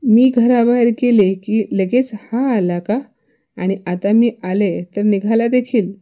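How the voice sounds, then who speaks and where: A woman's voice: medium pitch, fairly even intonation, moderate pace, highs cut off, lightly acted. A woman doing a scolding suspicious mother-in-law. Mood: mocking. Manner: accusing, scolding. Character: sharp-tongued suspicious older mother-in-law.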